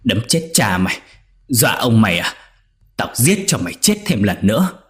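A man voicing an old, lecherous male village chief who shouts and pleads in panic. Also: lowish voice, big pitch swings, moderate pace, faint music behind. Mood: furious.

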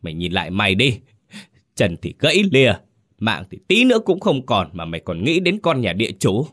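A wailing, heartbroken peasant mother, put on by a deep-voiced male narrator. Her voice climbs high and shrill as she scolds and mourns in an audio ghost story. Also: big pitch swings, brisk, fairly bright tone. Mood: furious scolding. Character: grieving poor peasant mother, older woman.

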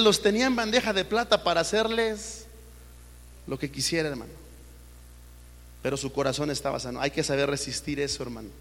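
Give me a man preaching a sermon from the pulpit, his voice sitting high for a man. He keeps throwing rhetorical questions at the congregation and addresses them over and over as brother. Long reverb trails off every phrase, the way a sanctuary sounds. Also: a bit bright. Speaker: pastor. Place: church sanctuary. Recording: long church hall reverb.

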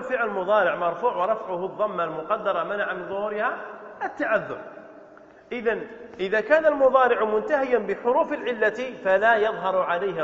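Fields: Sex: man. Pitch: high. Role: grammar teacher. Style: classroom lecture, slow and repetitive. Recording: dull, echoey hall. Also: a bit bright. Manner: explains slowly, repeating words and drawing out vowels; asks students questions and answers them himself. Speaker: Islamic scholar teaching Arabic grammar.

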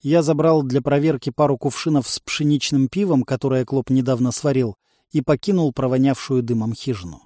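A male audiobook narrator reading in the first person with a dry, wry tone. His voice is mellow and rather dark, pitched a little high for a man. It is recorded close and dry, with no room sound. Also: dry recording.

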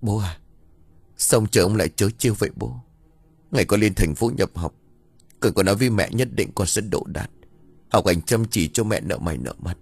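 Earnest young son voiced by a man, pleading, lively tone, husky. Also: on the low side, brisk, pauses often, dry recording, full character voice.

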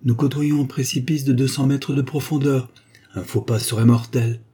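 A man's voice: mid-range voice, fairly even intonation, moderate pace, mellow, slightly rough, voice pushed up, close to an everyday voice. A man voicing a confident, mocking young woman in a storybook reading, with a teasing, ironic manner.

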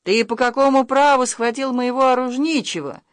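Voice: sits high, moderate pace, smooth, dry recording, voice pushed up, close to an everyday voice. A reader voicing a proud, defiant young nobleman in an audiobook, speaking firmly with a raised voice. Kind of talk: audiobook reading of character lines.

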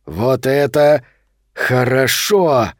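A man reading an audiobook, voicing a brutal male vampire thug with slow, loud, jeering threats. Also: mid-range voice, lively intonation, no room sound, clean studio sound. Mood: menacing.

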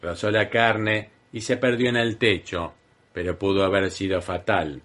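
A man's voice: low-pitched, little pitch movement, measured pace, a bit bright. A man voicing a level-headed male companion in an audiobook, speaking in a plain, matter-of-fact way.

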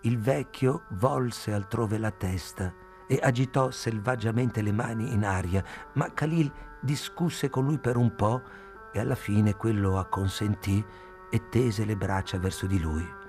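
Low-voiced man reading a novel aloud. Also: measured pace, darkish tone, faint music behind. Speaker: reader. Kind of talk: scripted audiobook narration.

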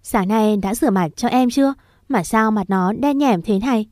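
A woman's voice: a little high, normal speed, darkish tone, no echo, studio quality, close to an everyday voice. A woman voicing a caring but stern young aunt who scolds and questions children.

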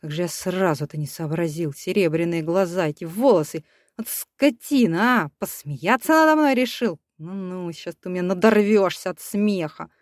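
A woman's voice: lowish voice, moderate pace, no echo, clean studio sound, natural voice. A woman voicing a cruel, scheming German baron who talks in a sneering, menacing way, read in an audiobook.

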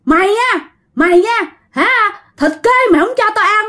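A woman voicing a vengeful male water ghost possessing a man, shrill and taunting. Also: animated, moderate pace, bright, forceful tone, full character voice. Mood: shrieking.

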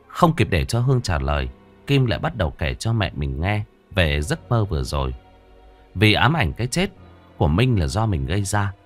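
A man narrating a horror story, dramatic and expressive. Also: on the low side.

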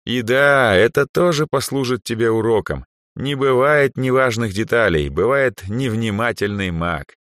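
A man's voice: medium pitch, measured pace, fairly bright tone, dry recording, clean studio sound, voice pushed up, lightly acted. A man voicing an aging male archmage who sighs, lectures and sometimes snaps in anger. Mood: rueful. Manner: sighing, lecturing, flares into anger. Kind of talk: audiobook character voice.

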